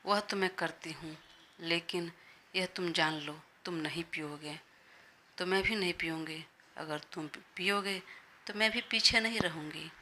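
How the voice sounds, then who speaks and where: A woman's voice: lowish voice, normal speed, pushed and bright, a little hiss or hum. A woman voicing a stubborn, playful young wife who teases, in a Hindi audio story.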